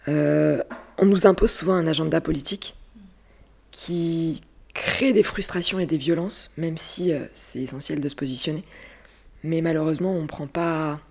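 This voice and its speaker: A woman guest speaking reflectively in an interview, pausing often and searching for her words. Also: sits low, vocal fry, a little mellow, breathy edge. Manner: hesitant, searching for words with many pauses.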